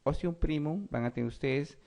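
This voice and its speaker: A man's voice: fairly high pitch, moderate pace, vocal fry, a little mellow. A man giving an exam review lecture, reading questions and explaining them, often checking in with his students. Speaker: medical lecturer.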